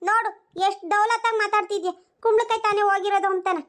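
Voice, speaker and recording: A performer doing a squeaky, fast-talking nagging village granny. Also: level tone, fairly bright tone. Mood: scolding. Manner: scolding, grumbling to herself. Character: nagging old village grandmother, scolding and suspicious. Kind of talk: cartoon voice acting.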